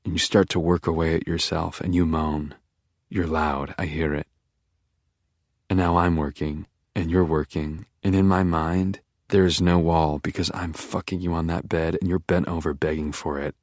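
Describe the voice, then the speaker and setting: A man's voice: sits low, level tone, moderate pace, no echo, studio quality. A man narrating an audiobook in the first person, with an intense, brooding inner-monologue manner.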